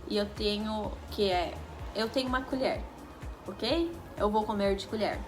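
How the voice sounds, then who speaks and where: A woman teaching a lesson, explaining step by step and checking in with the viewers as she goes. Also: mid-range voice. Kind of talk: video lesson. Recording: music bed under the voice.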